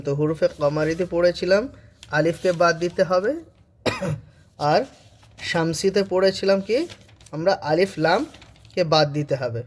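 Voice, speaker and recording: A male teacher giving a Quran reading lesson, who spells out the letters and recites the verses slowly, asking and then answering his own questions. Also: high voice, a little mellow.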